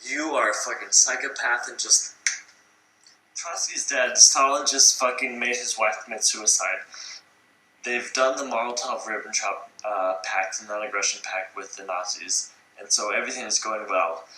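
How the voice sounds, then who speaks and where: A man's voice: fairly low pitch, steady tone, moderate pace, bright, forceful tone, roomy sound, slight background noise, low-quality recording. A drunk man rambling through a history story, swearing constantly and slurring. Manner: profane, slurring, rambling, acts out quotes. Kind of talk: tipsy rambling retelling of history.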